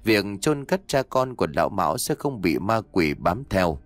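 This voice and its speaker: A man voicing a calm, wise old male exorcist master who speaks in a measured, instructive way. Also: deep voice, no room sound.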